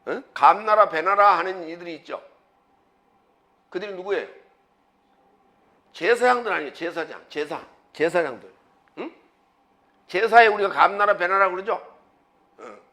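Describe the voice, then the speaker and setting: A man pastor preaching a sermon, emphatic, with rhetorical questions and sudden loud bursts. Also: high voice, normal speed, pauses often.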